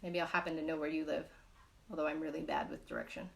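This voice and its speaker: A woman's voice: deep voice, big pitch swings, fast, creaky, slight background noise. Blunt, foul-mouthed New woman. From Brooklyn, New York. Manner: blunt and profane, rambling with many fillers. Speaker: knitting live-stream host. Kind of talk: casual live-stream chat.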